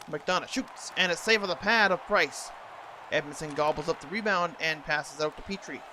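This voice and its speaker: A man with a slightly high voice calls hockey play by play in the manner of a TV sports announcer. Clear background noise from the game runs behind his commentary. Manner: imitating a TV sports announcer's delivery. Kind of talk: live sports commentary over video game. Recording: noisy, game sound throughout.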